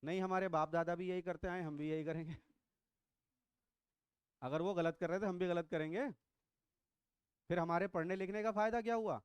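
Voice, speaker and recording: A man's voice: high-pitched, fairly even intonation, normal speed, pauses often, clear, resonant tone, no room sound. A middle-aged man teaching biology to a class, quizzing and teasing his students as he lectures. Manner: teasing, quizzing students, mixes English into Hindi.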